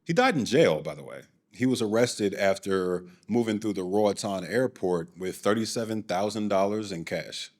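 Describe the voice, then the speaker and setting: A man's voice: on the low side, expressive, moderate pace, hardly any pauses. A man hosting and narrating a documentary in a scripted way, with dry, sardonic asides. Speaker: documentary host.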